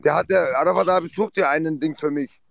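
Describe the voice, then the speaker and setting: A man's voice: fairly high pitch, fairly even intonation, fast, vocal fry, no room sound. A man chatting casually as a livestreamer and addressing his viewers. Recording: faintly noisy livestream audio with clicks.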